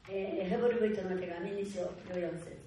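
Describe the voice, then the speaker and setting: A woman's voice: mid-range voice, fairly even intonation, moderate pace, slight background noise. A woman pastor preaching an emphatic sermon in a church hall, urging the congregation to say amen. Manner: emphatic, calls for loud amens. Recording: echoey hall from far off.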